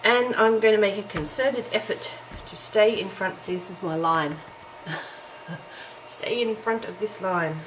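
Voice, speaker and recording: A middle-aged crafting vlogger chats casually while crafting at home early in the morning, her medium-pitched voice a little slow and croaky from just waking up. She's chatty and self-deprecating, with frequent ums and small laughs. Her camera's built-in mic gives a noisy home recording.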